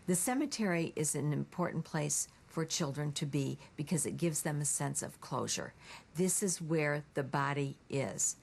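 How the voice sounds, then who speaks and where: A woman with a very low, gravelly voice that has a husky edge. She explains steadily in a documentary interview. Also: expressive, moderate pace.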